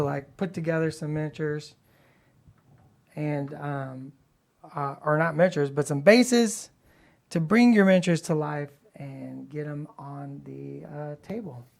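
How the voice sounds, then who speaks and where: A woman with a gravelly, slightly worn-out voice, hosting a livestream in casual, blunt, playfully sassy hobby chat. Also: low voice, unhurried, darkish tone. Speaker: livestream host.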